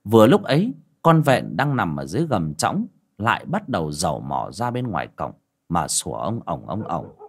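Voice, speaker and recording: A man narrating a spooky audiobook story in an expressive, dramatic way. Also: low-pitched, normal speed, breathy edge. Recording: faint music under the reading.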